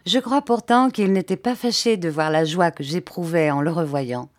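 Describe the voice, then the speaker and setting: A woman narrating a classic novel as an audiobook reader, measured and expressive. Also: lowish voice. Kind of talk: scripted narration.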